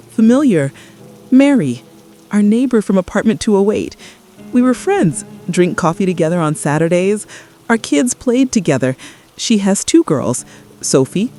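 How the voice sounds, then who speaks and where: An actress plays a traumatized, guilt-ridden mother in an apocalypse radio drama. Her voice is fairly low and mellow as she confesses haltingly, repeating her phrases in distress.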